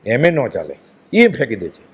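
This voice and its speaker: A man's voice: medium pitch, wildly swooping pitch, moderate pace, breathy edge. A man giving a devotional discourse, speaking emphatically and asking many rhetorical questions. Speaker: religious speaker.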